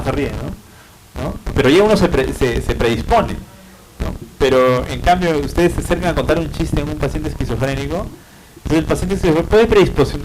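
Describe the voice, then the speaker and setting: A man's voice: a little high, noisy background. A man with a Peruvian Spanish accent giving a university psychiatry lecture, explaining patiently and often checking in with tag questions and fillers.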